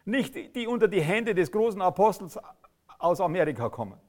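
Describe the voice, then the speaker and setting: A man preaching a sermon, emphatic, swinging from loud outbursts to quiet intensity. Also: high voice, sing-song, fairly quick.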